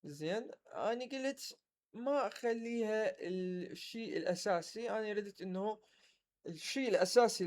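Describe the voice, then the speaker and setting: Iraqi-accented male teacher, fairly high voice, slow repeat-after-me delivery. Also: darkish tone. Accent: Iraqi Arabic. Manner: repeats English sentences slowly for learners to copy. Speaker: language teacher. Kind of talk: casual spoken lesson.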